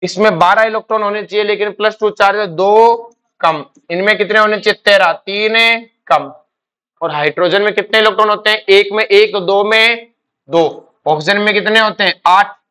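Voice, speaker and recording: A man's voice: sits high, bright, forceful tone, smooth. A male chemistry teacher lecturing in class, firing questions and answering them himself, calling students "beta". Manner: quizzing students with repeated questions.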